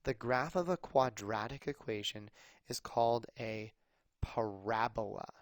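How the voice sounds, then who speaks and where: A man's voice: medium pitch, measured pace, no echo. A man teaching a math lesson, explaining patiently in a conversational way with some fillers. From United States. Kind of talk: recorded classroom lesson.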